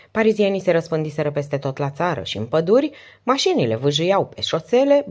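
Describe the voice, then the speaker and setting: A woman narrating an audiobook with a steady, expressive reading. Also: deep voice.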